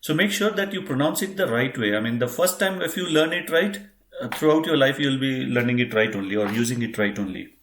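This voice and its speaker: A man's voice: medium pitch, animated, a little fast, a bit bright, echoey room, a little hiss or hum. A man teaching a German class, patiently spelling words out letter by letter and speaking to his students as friends.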